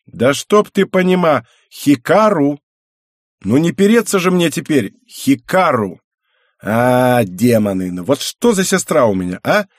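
A quarrelsome young brother bursts out high and loud, all indignation. A man acts him out in a dry, close audiobook read with a slightly husky tone. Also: very animated, unhurried, no room sound. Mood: indignant.

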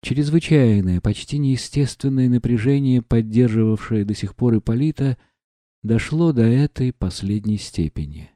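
A man narrates a literary audiobook in a measured, expressive way. His voice is dark and mellow, close and dry on the mic, and it swells on the dramatic passages. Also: medium pitch, no echo.

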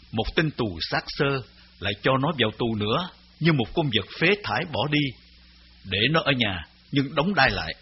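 A man reading his memoir aloud as narrator, in a grave, measured storytelling voice. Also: medium pitch, a little hiss or hum. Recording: slightly dull recording with faint music.

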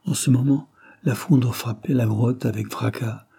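A man narrating a classic novel as an audiobook in measured, dramatic storytelling. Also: medium pitch, steady tone, vocal fry, warm tone, slightly rough.

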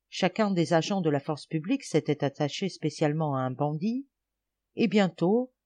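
A woman reads a classic story aloud with a lively, rising-and-falling delivery. Her narration is expressive and animated, carrying the scene forward. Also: low-pitched. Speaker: audiobook reader. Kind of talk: literary audiobook narration.

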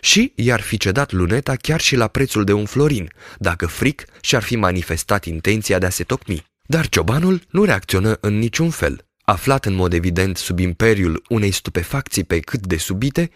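Lively, dry-voiced male audiobook narrator. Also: on the low side, no room sound. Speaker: audiobook reader.

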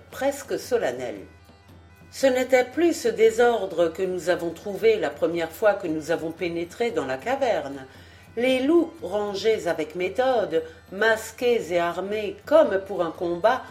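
A woman narrates a classic novel in a slow, measured reading voice. Her pitch sits in an even middle range. A faint music bed runs quietly under her reading. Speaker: audiobook reader. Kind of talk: scripted narration.

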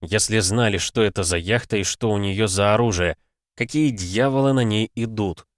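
A man narrating an audiobook in a steady, dramatic storytelling manner. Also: on the low side, normal speed, no room sound, studio quality.

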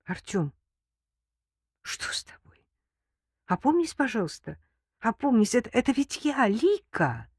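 A scared young woman held at gunpoint, as a woman reader voices her, pleading in a hushed, breathy voice. The recording is close and dry, the pitch in a middle range. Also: very animated, moderate pace, pauses often, no echo.

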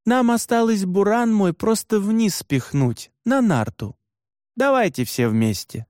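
A man's voice: sits high, lively intonation, unhurried, darkish tone, no room sound, studio quality, voice pushed up. A man voicing a cheerful, never discouraged young reindeer herder in an audiobook, in an easygoing, upbeat way. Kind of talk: audiobook dialogue.

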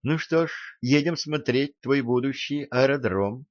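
A man reading a young woman in love in a hushed, soft voice, in a storybook narration. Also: medium pitch, unhurried, no room sound, dull audio, pitched above the performer's own voice, natural voice. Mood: tender.

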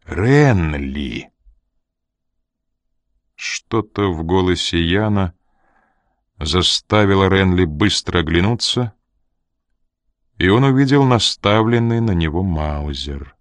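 A man narrating an audiobook in a measured, even reading style. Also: deep voice, dry recording, studio quality. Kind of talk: scripted narration.

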